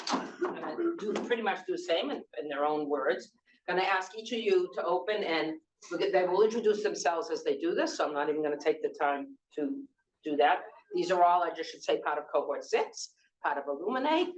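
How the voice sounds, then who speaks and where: Rough recording quality and slight background noise surround a low female voice. She is in her sixties, from Boston in the United States, with a matching accent, and she runs a conference panel in a relaxed, chatty way, often using fillers and starting over.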